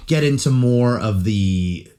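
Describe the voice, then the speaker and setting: A man's voice: medium pitch, animated, slow, mellow. A young man from California co-hosts a podcast in a loose, easygoing chat. He jokes around and fills his talk with "like" and "you know". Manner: loose, jokey, full of fillers. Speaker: podcast co-host. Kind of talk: casual chat.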